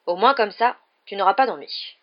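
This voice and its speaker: A woman voicing a jovial male half-giant gamekeeper in a storybook reading, hearty and loud, with a dull lo-fi sound. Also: medium pitch, moderate pace, lightly acted. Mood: consoling.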